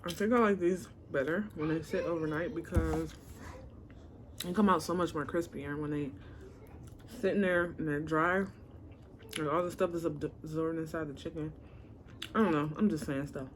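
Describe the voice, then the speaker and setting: A woman's voice: low voice, fairly even intonation, normal speed, slight background noise. Chatty woman eating between remarks. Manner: chatty, talks between bites with murmurs of enjoyment. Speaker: mukbang host. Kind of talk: casual eating-show chat.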